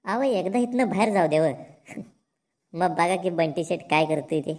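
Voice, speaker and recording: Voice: mid-range voice, expressive, normal speed, darkish tone, close to an everyday voice. A voice actor playing a cocky jailed village thug in a cartoon, smug and mocking. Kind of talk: cartoon dialogue.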